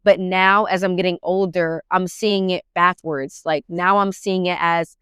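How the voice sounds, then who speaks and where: A woman's voice: on the low side, fairly even intonation, unhurried, a bit bright, clear, resonant tone, no room sound, studio quality. A woman in her twenties hosting a casual podcast chat, rambling and filling her talk with "like". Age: 20s. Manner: rambling, heavy use of "like". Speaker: podcast host.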